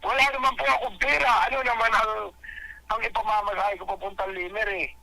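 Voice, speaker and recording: An older man calling into a radio program, telling his side in a rambling, halting, pleading way over a phone line. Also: high-pitched, fairly even intonation, creaky, pushed and bright. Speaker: caller.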